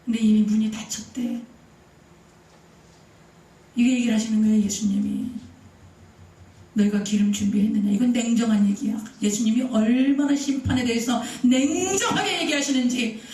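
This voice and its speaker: A woman pastor delivers a sermon in a conversational, lively way, asking the congregation questions and acting out voices, sometimes raising to a shout. She is recorded from far off, and her voice rings through a large, strongly echoing church hall. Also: on the high side, normal speed. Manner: acts out quoted speech, at times shouting. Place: church sanctuary.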